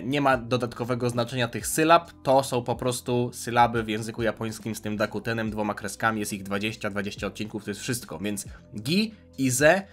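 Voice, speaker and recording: Chatty man with soft music behind. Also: medium pitch. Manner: chatty and analytical, weighing fan theories aloud. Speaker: YouTube commentator on anime. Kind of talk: casual video commentary.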